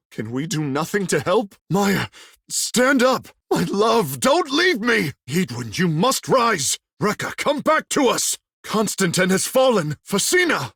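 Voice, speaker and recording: Tekēhu, theatrical swooping sea-folk godlike. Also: male voice, sits high, gravelly, a bit bright, husky, dry recording, studio quality, exaggerated voice. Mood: urgent battle cries. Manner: languid, flirtatious, grandiose, formal phrasing. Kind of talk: fantasy video game character dialogue.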